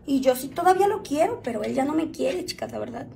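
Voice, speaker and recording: A woman's voice: sits high, lively intonation, fast, gravelly, warm tone, faint music behind. A woman with a Mexican accent chatting and joking with viewers while doing her makeup on a live stream, often calling them "chicas". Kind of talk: casual chat to viewers.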